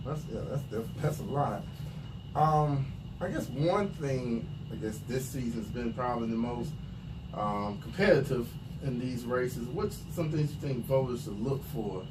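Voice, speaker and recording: A man's voice: medium pitch, unhurried. Male interviewer, away from the mic. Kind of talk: informal interview questions. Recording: distant mic, faint background noise.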